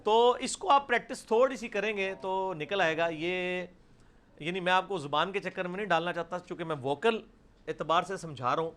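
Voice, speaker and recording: A middle-aged man with a Punjabi accent and a high voice teaches Quranic pronunciation to a live class. He repeats each sound loudly and slowly for the students to copy, then calls on them one by one by name. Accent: Punjabi-accented Urdu.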